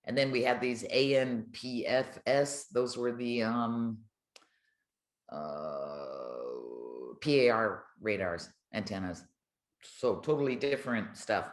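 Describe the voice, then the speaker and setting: In an echoey room, an older woman with an extremely low-pitched voice tells stories casually as a podcast guest. She is a retired air traffic controller, and her interview talk is colloquial and chatty.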